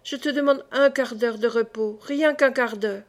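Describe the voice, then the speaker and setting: A woman voicing an exhausted peasant mother who pleads softly for shelter, in a storybook reading. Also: on the high side, normal speed, lightly acted. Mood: pleading. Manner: hushed, weary pleading.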